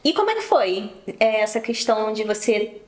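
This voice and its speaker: A woman's voice: mid-range voice, very animated, normal speed. A woman podcast host from Brazil, asking short follow-up questions and laughing easily in a casual interview. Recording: roomy echo.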